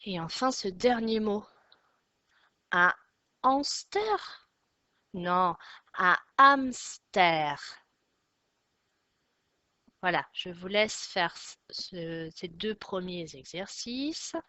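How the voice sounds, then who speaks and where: A woman teaching a reading lesson to young children, slowly and deliberately stressing each word. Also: fairly low pitch, a bit bright, dry recording. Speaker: primary school teacher. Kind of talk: slow, careful recorded reading lesson. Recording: dry, dull lo-fi recording.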